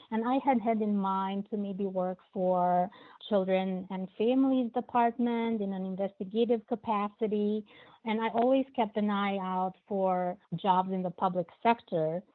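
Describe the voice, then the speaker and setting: Brief: woman from Albania, Albanian native, thirties, measured podcast guest, phone-quality audio. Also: medium pitch. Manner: measured, explanatory, with frequent fillers. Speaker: guest, crime analyst. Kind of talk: podcast interview. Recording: phone-like narrow band line.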